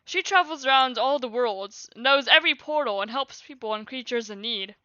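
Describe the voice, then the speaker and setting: A woman's voice: on the high side, lively intonation, normal speed, pushed and bright, no echo, highs cut off. A young woman in her late teens, a streamer, reading her childhood journal aloud with laughing casual asides.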